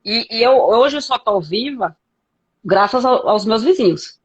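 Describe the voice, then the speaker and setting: A woman from Brazil, a podcast guest telling her life story frankly in a halting way, with many restarts. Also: a little high, expressive, husky, highs cut off. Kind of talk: candid conversational interview.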